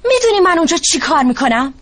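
An actress dubbing a hurt, resentful younger sister, speaking in a bitter, accusing way. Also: female voice, extremely high pitch, big pitch swings, fairly bright tone, exaggerated voice. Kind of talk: dubbed TV drama acting.

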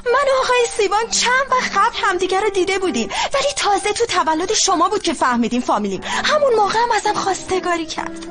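A very high, pleading lovesick young woman. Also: expressive, fairly bright tone, faint music behind. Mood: tearful. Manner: pleading, emotional. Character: lovestruck young woman defying her family. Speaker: daughter. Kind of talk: Persian dubbing of a TV drama.

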